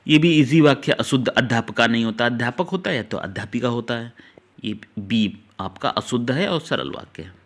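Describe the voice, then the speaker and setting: Male teacher, mid-pitched, exam-prep grammar lesson, talks straight to the students, drags out key words for them to copy. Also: lively intonation. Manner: explains step by step, repeats key words slowly; talks directly to students, urging them to note things down.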